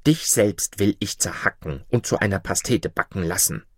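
A man's voice: sits low, expressive, moderate pace, no echo, clean studio sound. A man voicing a proud, hot-tempered duke in a fairy tale, speaking in a commanding, blustering way. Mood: imperious.

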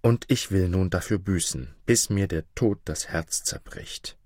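A sorrowful young maid, as a male narrator puts her on, lamenting with her voice lifted higher than his own. The storybook reading sounds dry and close. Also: a little slow, darkish tone, dry recording. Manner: lamenting, tearful. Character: grieving young maid full of guilt.

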